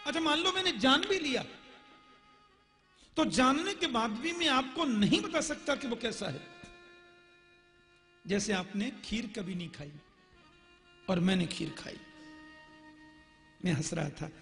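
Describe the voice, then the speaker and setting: A man preaching a devotional sermon, telling stories and acting out the dialogues in an animated way. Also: very high-pitched, faint music behind. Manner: chants Sanskrit verses slowly. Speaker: religious storyteller.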